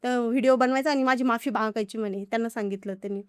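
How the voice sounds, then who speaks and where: High, quick-talking woman. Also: clean tone, no echo, studio quality. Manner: animated, acts out others' quoted lines. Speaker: farmer vlogger guest. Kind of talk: casual podcast interview storytelling.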